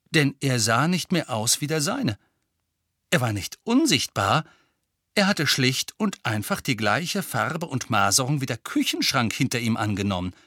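A man narrating an audiobook in an expressive, lively storytelling manner, close to the mic. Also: medium pitch, no room sound.

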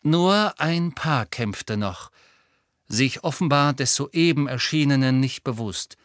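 A man's voice: medium pitch, slow, dry recording, studio quality. Man narrating a dramatic audiobook. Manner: dramatic storytelling.

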